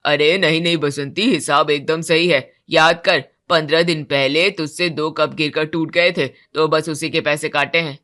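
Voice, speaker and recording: A woman voicing a stingy wealthy male employer, dismissive and curt, in a deep put-on voice. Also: fairly even intonation, normal speed, few pauses, fairly bright tone. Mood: smug.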